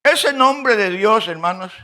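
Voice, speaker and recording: Male preacher, high and bright voice, unhurried teaching sermon, keeps turning to the congregation. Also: lively intonation. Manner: slow, teaching tone, often addressing the congregation as brothers.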